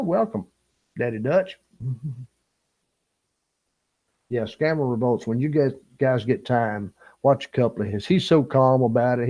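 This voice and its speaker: A man's voice: mid-range voice, a little mellow, muffled recording. A man hosting a fishing channel live stream, chatting casually with viewers and reading their comments, rambling and chuckling as he talks. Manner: rambling and chuckling, reads chat comments aloud. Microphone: small camera mic or lapel.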